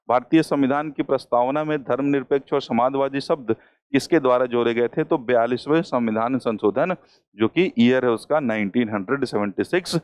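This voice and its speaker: A man's voice: mid-range voice, darkish tone, no room sound. A man teaching an exam-prep class, working through questions step by step and repeating the key terms. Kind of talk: lecture solving exam questions.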